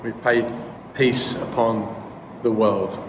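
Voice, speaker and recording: A middle-aged man leading a spoken congregational prayer as pastor, measured and earnest with pauses. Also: lowish voice, fairly even intonation. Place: church hall with brick walls. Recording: roomy hall echo, background noise.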